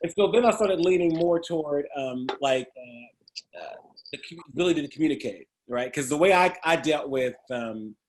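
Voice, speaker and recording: With a fairly high, expressive voice and a moderate pace, this middle-aged interview guest tells stories from his life, joking and often laughing. There is a little hiss or hum on the recording.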